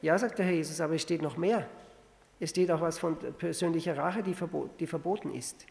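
A man preaching a sermon, teaching with rhetorical questions and reading scripture slowly and deliberately. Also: fairly high pitch, creaky, darkish tone. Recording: long reverb of a hall.

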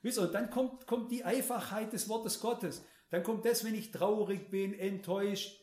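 A man's voice: high voice, normal speed, a little mellow. A man preaching a sermon with emphasis, speaking straight to his listeners and often repeating words. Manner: emphatic, addresses the audience directly, repeats words. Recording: roomy echo.

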